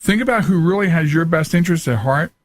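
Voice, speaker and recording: Talking fast in a slightly high voice full of lively intonation, an American man hosts a podcast in loose, off-the-cuff conversation. He's sincere and emphatic, repeating himself often as he goes.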